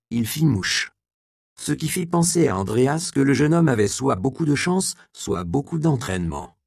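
Guy reading an audiobook, expressive, gravelly, dry close sound. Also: medium pitch, no room sound. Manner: expressive, storytelling. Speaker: narrator. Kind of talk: audiobook narration.

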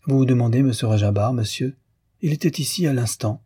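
A man's voice: mid-range voice, brisk, dark tone, breathy edge, no room sound, clean studio sound, lightly acted. A man voicing an obsequious shopkeeper in a storybook reading, insistently reassuring and reeling off directions. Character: obsequious, insistent lemonade-shop owner, middle-aged man.

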